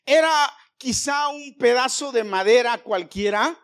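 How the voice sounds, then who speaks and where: A middle-aged preacher calls the congregation brothers as he tells stories with jokes in his sermon. He speaks in an unhurried way, and his voice is very high-pitched and a bit bright.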